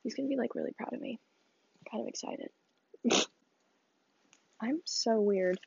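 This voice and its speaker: A teenage girl hosts a casual solo podcast from a small bedroom, chatting and rambling while she sniffles, coughs, and laughs. Her voice is a little high, creaky, and measured in pace. The audio sounds dull, with a faint hiss or hum.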